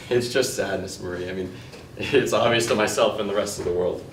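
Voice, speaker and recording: An actor, lightly acted, plays James, a smug, self-assured man who lectures on art and dismissively talks down to his partner in halting, argumentative dialogue. His fairly low voice is captured from afar on an indoor stage, in a strongly echoing room with faint noise.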